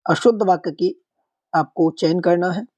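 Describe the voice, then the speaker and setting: A man giving an online exam-prep lecture, asking the class questions, answering them himself and slowly repeating the correct answer. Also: high-pitched, a little mellow. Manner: explains step by step, asks questions and answers them; slows down to repeat the correct form. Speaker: Hindi exam-prep teacher.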